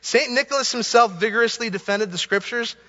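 A man's voice: extremely high pitch, a little fast, bright, forceful tone, big-room sound, lo-fi sound. A man preaching a Sunday sermon, earnest and emphatic, repeating key phrases for weight. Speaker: pastor. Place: church sanctuary.

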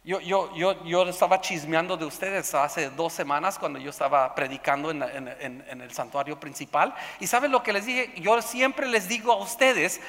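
A pastor preaching a sermon, swinging from loud emphatic bursts to hushed low passages, often repeating words as he searches for the next thought. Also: moderate pace, few pauses. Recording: long reverb of a large hall.

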